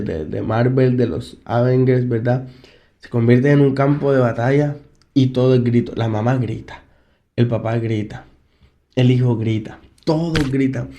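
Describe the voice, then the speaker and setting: A man's voice: mid-range voice, dark tone. A man, a psychologist, giving a casual talk on family life, speaking conversationally, putting questions to his listeners and chuckling now and then. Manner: conversational, asks the audience questions, chuckles often. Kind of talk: casual motivational talk to an audience.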